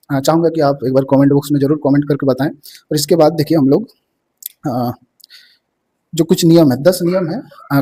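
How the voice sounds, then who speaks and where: Young guy w a teaching, mellow kinda husky voice, keeps checking you got it. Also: on the high side. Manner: explains each term, repeats "ठीक है" often. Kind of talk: exam-prep video lesson.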